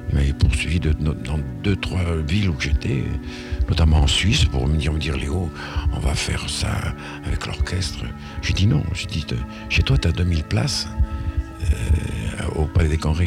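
A man being interviewed as a musician, talking in a rambling, indignant way with many restarts and asides. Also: very deep voice.

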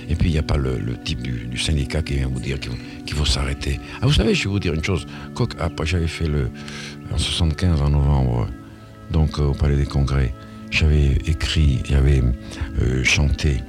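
A man with a very deep, gravelly voice holds forth in an interview about his own musical work. He wanders off on asides and restarts his sentences often, with an indignant edge. Faint music sits behind him. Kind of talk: rambling interview talk.

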